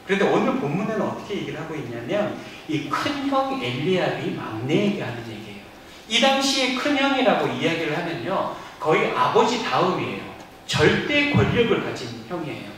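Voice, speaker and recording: A man pastor giving a lively sermon in a church, acting out quoted lines as he goes. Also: on the high side, moderate pace, background noise. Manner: animated preaching with acted-out quotes. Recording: echoey church sound from a distance.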